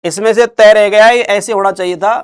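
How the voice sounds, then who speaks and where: A Hindi grammar teacher with a Rajasthani accent and a very high voice. He runs a spelling drill, asking the class questions and then drawing out each answer slowly. His voice is smooth and clear. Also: fairly even intonation. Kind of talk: spelling lesson.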